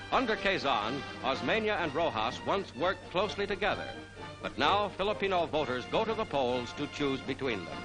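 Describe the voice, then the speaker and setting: 1940s newsreel announcer over loud music. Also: male voice, on the high side, rough recording. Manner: brisk announcer delivery. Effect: old newsreel narration. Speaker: newsreel narrator.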